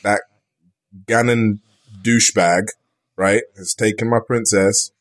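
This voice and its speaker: A man, a player on a tabletop game podcast, talking in casual banter with profane, animated comic ranting. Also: on the low side, slow pace.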